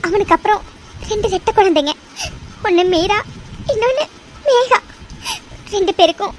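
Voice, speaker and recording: A woman voicing an anxious, tearful mother of three in a cartoon, with an emotional, pleading delivery. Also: very high voice. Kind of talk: cartoon dubbing. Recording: faint background noise.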